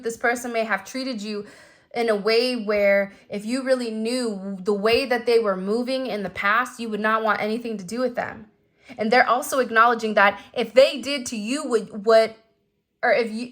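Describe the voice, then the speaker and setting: Higher-pitched woman giving a tarot love reading. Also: fairly bright tone. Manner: conversational, emphatic, repeats phrases for emphasis. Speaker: tarot reader. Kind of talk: intuitive tarot love reading, talking to the viewer.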